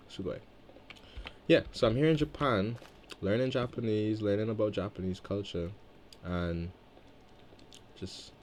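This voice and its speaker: Guy in his 20s from trinidad, low voice, chill rambly game commentary, faint hiss. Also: darkish tone. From Trinidad and Tobago. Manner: rambling, thinks aloud between chatty stories. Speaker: let's-play gamer. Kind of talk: casual gameplay commentary.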